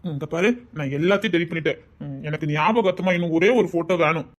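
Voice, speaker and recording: A man's voice: on the high side, fast, close to an everyday voice. A man playing a coaxing Tirunelveli blackmailer. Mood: sweet-talking. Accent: Tirunelveli Tamil. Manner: coaxing, insistent, keeps asking 'understand?'. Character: smooth-talking young man, manipulative, greedy blackmailer. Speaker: scheming boyfriend on a phone call. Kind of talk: web drama acting.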